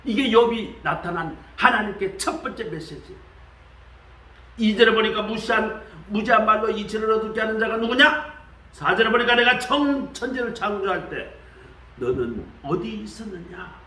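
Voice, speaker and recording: A man preaching a sermon in a colloquial, animated way, acting out the voices he quotes. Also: normal speed, echoey room, recorded from a distance, poor audio. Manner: animated, acts out quoted voices with shifts of pitch; colloquial, repeats "말이죠". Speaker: pastor. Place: church sanctuary.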